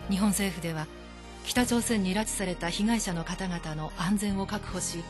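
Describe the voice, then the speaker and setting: A woman radio announcer giving a formal, measured broadcast announcement. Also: medium pitch. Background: music bed.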